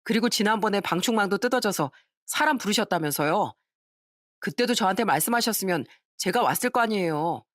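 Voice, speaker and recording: A woman's voice: medium pitch, animated, a little fast, dry recording, lightly acted. A woman reading the part of a dutiful young husband in a narrated family story, speaking politely and earnestly. The voice stays close to her own, with a dry, close sound. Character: young married husband, attentive and reassuring.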